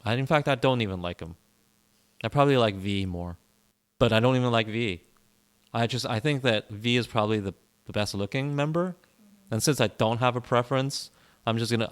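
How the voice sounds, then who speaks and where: Co-hosting a laid-back podcast chat, a man speaks in a lowish, slightly bright voice. English is his native language, and his talk is opinionated and rambling, full of repetition and frequent sentence restarts.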